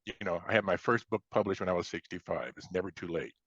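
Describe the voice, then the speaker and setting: A man in his seventies from Chicago, speaking as a casual interview guest, reminisces with hesitations and repeated words. His voice sits low, husky and a bit bright, with lively intonation and a fast pace. The recording is dry with no room sound, and the highs are cut off.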